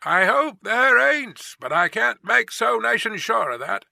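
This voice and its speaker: A man voicing a gruff, suspicious, blustering mail-coach guard in a storybook reading, barking out challenges. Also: on the high side, very animated, measured pace, sharp tone, dry recording, clean studio sound, voice pushed up, heavily acted. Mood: grudging.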